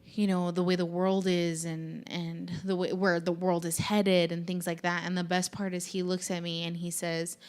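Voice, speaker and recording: A woman's voice: on the low side, flat delivery, moderate pace, hardly any pauses, a little mellow, smooth. A woman hosting a podcast in casual chat, talking animatedly with lots of fillers and frequent swearing. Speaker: podcast host.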